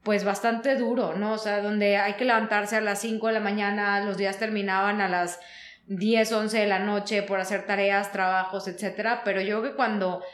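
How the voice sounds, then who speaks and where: A woman from Mexico, a human resources consultant telling her life story in an interview, animated and full of fillers. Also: medium pitch, moderate pace, reverberant. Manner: animated, frequent fillers like "o sea" and "¿no?". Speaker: guest, HR consultant.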